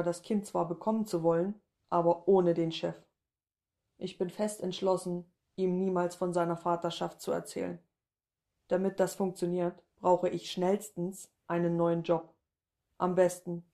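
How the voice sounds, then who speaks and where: A woman reading a first-person short story aloud in a calm, even storytelling manner. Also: lowish voice.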